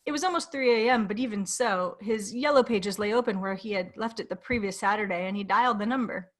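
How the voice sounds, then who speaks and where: A woman reading a short story aloud as a guest reader, with expressive, measured narration. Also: medium pitch.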